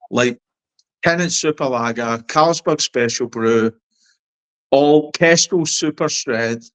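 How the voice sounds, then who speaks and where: A chatty man talks over a video call, circling back and repeating his points. His voice sits a touch high for a man. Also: fairly bright tone. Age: 50s. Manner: chatty, repeats himself, laughs easily. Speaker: guest on a beer review call. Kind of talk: casual chat on a video call.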